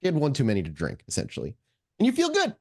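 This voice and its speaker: A man's voice: a little high, huge pitch swings, racing, dry recording, clean studio sound. A man narrating as game master of a tabletop game, in a loose, chatty way with many fillers.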